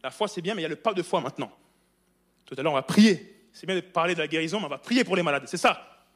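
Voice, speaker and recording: A man's voice: fairly high pitch, lively intonation, racing, a bit bright. A man preaching a sermon in a church with fervent repetition and frequent hallelujahs.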